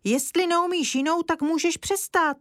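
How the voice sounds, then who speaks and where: A woman plays a cheeky little village boy, chattering eagerly in a raised, childlike voice pushed to an extremely high pitch. He recites his lines like a child from a storybook, and the recording is close and dry with no echo.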